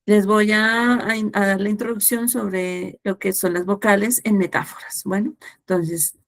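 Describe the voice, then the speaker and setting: A woman's voice: medium pitch, steady tone, unhurried. A woman teaching a virtual language class over a video call. She explains patiently, wrapping her lesson in a storybook tale with lots of examples. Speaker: Spanish teacher.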